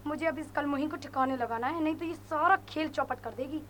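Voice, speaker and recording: A woman's voice: high-pitched, brisk, very noisy, natural voice. A woman playing a spoiled, scheming young daughter who threatens and lies to her parents. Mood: menacing.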